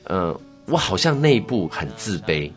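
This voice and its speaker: A deep-voiced middle-aged man with a Taiwanese Mandarin accent, telling his own story as an interview guest. He speaks earnestly and gets animated, pushing his voice up for emphasis, with soft music faint underneath. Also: unhurried. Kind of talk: interview, recounting life story.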